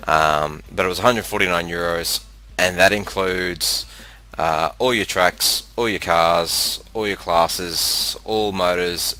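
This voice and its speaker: An Australian man giving a casual, rambling game commentary with halting speech, recorded on a cheap, slightly crackly headset microphone. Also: low voice, pushed and bright, no room sound. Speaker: video game presenter. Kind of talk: casual screen-capture commentary. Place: room with a fan running.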